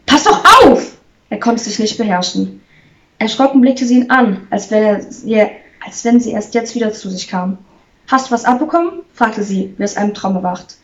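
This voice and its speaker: A woman reading a short story aloud at a steady pace, with a few slips and restarts. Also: medium pitch, normal speed, slight background noise. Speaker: reader. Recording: slightly distant, muffled recording.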